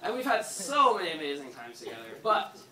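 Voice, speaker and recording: Best man, twenties, slightly high voice, rambling storyteller; far off in an echoey hall with a crowd. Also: big pitch swings, fairly quick. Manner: rambling, storytelling with frequent "like" fillers. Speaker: best man giving a toast. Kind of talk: wedding toast speech. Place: large hall at a wedding reception.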